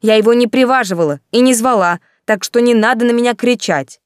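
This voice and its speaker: A woman's voice: fairly low pitch, lively intonation, quick pace, dry recording, clean studio sound, close to an everyday voice. Storybook figure: a hot-tempered young student girl, read by a woman, raised indignant protests.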